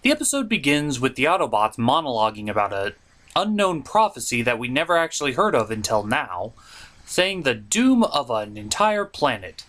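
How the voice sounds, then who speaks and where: In a sing-song, fairly bright voice of medium pitch, a man speaks at normal speed as host of a cartoon review show. His scripted commentary is informal, opinionated and comedic, with exaggerated emphasis.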